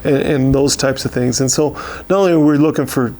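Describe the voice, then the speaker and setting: Gravelly American man, steady and halting. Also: medium pitch. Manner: steady, halting delivery with many pauses and repeated words. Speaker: county sheriff giving a year-in-review. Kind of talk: unscripted interview talk.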